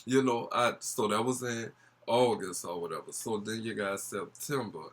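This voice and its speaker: A man's voice: fairly low pitch, moderate pace. A young man with a New Orleans accent telling a casual vlog story in a gossipy, sassy, slangy way. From New Orleans, USA. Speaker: YouTube storyteller.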